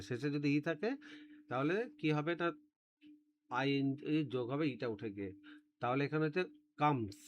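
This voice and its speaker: A man's voice: mid-range voice, a little hiss or hum. Man teaching grammar, drilling words. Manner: explains step by step, repeats words and spellings for drilling. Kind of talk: classroom-style grammar lesson.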